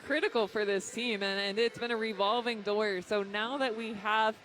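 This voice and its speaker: A woman's voice: medium pitch, steady tone, moderate pace, fairly bright tone. A woman giving basketball analysis on a pre-game radio show as the team's analyst. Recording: clear background noise and ambience.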